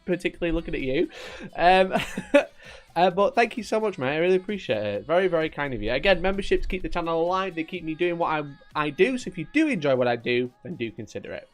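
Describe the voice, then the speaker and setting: A man from Northern England with a Yorkshire accent chats casually at his desk during a live stream, reading out viewers' messages. His fairly high voice is very animated and fast, and he jokes, teases and laughs often. Faint music plays behind him.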